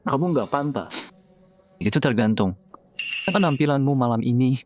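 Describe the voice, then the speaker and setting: An arrogant, lecherous suitor played by a man in a fantasy drama. His pitch is medium, with faint music behind. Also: normal speed, close to an everyday voice. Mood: smug, suggestive. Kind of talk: dubbed fantasy drama acting.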